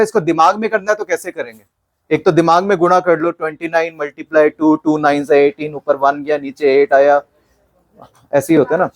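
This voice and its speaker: A man leads a maths class in a classroom. He is playful, fires questions at the students and mixes Hindi with English as he teaches. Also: fairly high pitch. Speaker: maths session facilitator.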